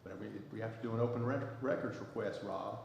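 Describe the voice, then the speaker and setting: A council member with a Southern US accent, speaking bluntly and defiantly, halting with many fillers. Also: male voice, lowish voice, creaky. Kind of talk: council debate remarks. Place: city council chamber. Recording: echoey council chamber, faint noise.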